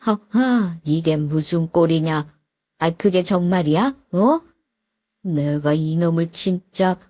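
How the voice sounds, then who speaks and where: A woman voicing a gruff old father. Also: lowish voice, slow, warm tone, no echo, clean studio sound. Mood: shocked. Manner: gruff, scolding, plain-spoken. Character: blunt worried old father in his seventies.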